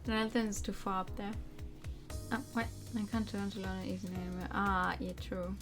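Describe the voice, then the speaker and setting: With game music humming softly underneath, a young woman reads a visual novel aloud on stream and chats casually along the way. She has a mid-range voice, talks a little fast, and keeps things lively and informal with rambling digressions.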